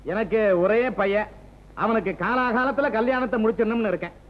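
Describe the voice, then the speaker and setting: A man's voice: high voice, fairly quick, close to an everyday voice, rough recording. An actor playing a pompous, domineering middle-aged village headman who dotes on his son, in a 1960s film. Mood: boastful. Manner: boastful and domineering. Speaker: village council president.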